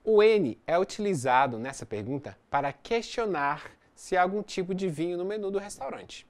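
In a recorded distance-learning course, a mid-pitched English teacher with lively intonation walks through the material one step at a time. The English examples are read out slowly and carefully.

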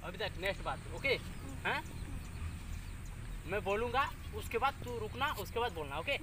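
A man's voice: high voice, expressive, moderate pace, background noise. A young man hosting a casual village vlog outdoors, chatting and teasing as he leads children through tongue twisters. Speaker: vlogger.

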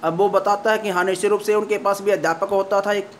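A man gives a lesson on a story, reading each English line slowly before explaining it in Hindi. His voice sits high and stays fairly level. He restarts his sentences often as he works through the meaning. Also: fairly even intonation, slight background noise. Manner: reads English lines slowly, then explains them in Hindi with frequent restarts. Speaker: English teacher.

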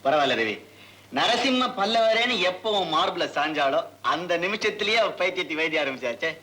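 An actor playing a friendly male doctor who gently teases his friend in an old film drama. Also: a little high, animated, fairly quick, a little hiss or hum. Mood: teasing. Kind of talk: 1960s film drama acting.

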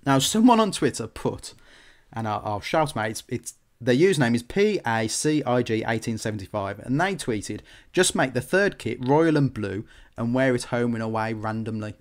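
A man's voice: expressive, moderate pace. A man co-hosting a casual podcast chat, telling anecdotes with laughs. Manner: chatty storyteller, laughs, puts on squeaky voices when quoting. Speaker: podcast co-host.

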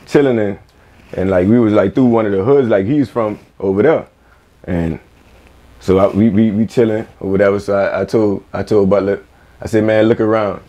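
Bahamian guy, pretty low voice, chill rambling chat in a studio. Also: steady tone, normal speed, mellow. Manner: laid-back, loose, many fillers and repeated words. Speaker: guest, record label owner. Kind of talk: casual interview chat. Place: small music studio indoors.

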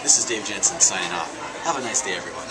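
A young man in his twenties hosts a road-trip vlog outdoors, playing a jokey mock news anchor with mock-formal sign-offs. His low voice is animated and quick over a noisy crowd. The handheld camera mic picks up wind noise.

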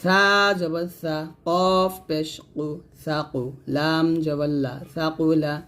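Slow, patient male Quran reading teacher. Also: a little high, steady tone, fairly bright tone. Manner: spells letters and vowel marks slowly, then blends them, correcting common mistakes. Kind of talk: slow syllable-by-syllable spelling lesson.

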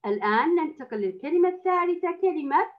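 A woman with a high voice teaches a reading lesson to young girls, drawing out each sound and repeating it patiently. The recording is dull and lo-fi. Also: expressive. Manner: stretches sounds and words slowly for young pupils; addresses the class as girls, with patient repetition. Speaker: primary school teacher.

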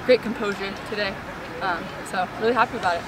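Fast-talking young woman goalkeeper. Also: medium pitch, far from the mic, noisy background. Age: young adult. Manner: quick, eager, repeats phrases. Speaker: college goalkeeper. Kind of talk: postgame interview answers. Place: outdoor soccer field at night.

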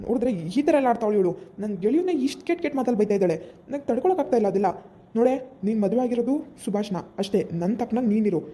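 A woman's voice: a little high, animated, mellow. A woman playing a young village husband who scolds his wife, then coaxes her to get up, in a comic village skit. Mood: scolding. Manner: brisk, scolding, then coaxing.

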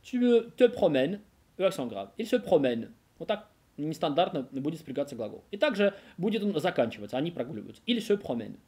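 A male language teacher rattles through a grammar lesson at a rapid clip, with a voice sitting a little higher than most men's. He talks in an animated, digressive way, with plenty of hesitation sounds and restarts. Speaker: French teacher.

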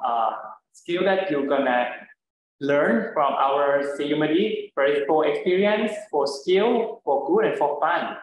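A man's voice: on the high side, heavy reverb, slight background noise, rough recording. A man, a faculty doctor, presenting an online information session with frequent fillers and restarts.

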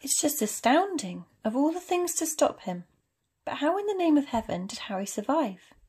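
A woman's voice: medium pitch, moderate pace, a little mellow, natural voice. A woman voicing a stern, proper witch professor from a storybook, clipped, emphatic and easily flustered. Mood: shaken, disbelieving. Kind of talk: storybook character reading.

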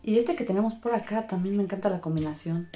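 A woman's voice: mid-range voice, fast, noisy background. A woman hosting a casual craft demonstration, narrating in a sing-song, enthusiastic, welcoming way. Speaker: host of a slime channel. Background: music.

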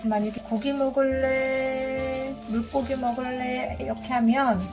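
High-voiced woman narrating a cooking vlog. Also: little pitch movement, measured pace, over loud music. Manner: polite, chatty, addresses viewers directly. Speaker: cooking vlogger. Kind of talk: casual step-by-step cooking narration.

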